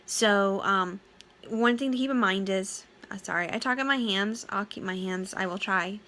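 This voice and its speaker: A woman's voice: mid-range voice, normal speed, sharp tone, slight background noise. A woman working as a direct sales consultant, giving a casual training talk to her team. She sounds tired and yawny late at night but stays chatty and eager, with lots of fillers and restarts.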